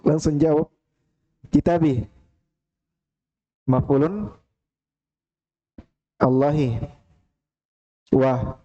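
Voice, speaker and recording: A man leads an Arabic grammar class in a mosque study hall. He talks slowly in a warm, mellow voice and calls on students one by one with playful teasing. The recording sounds dull and lo-fi. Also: on the high side.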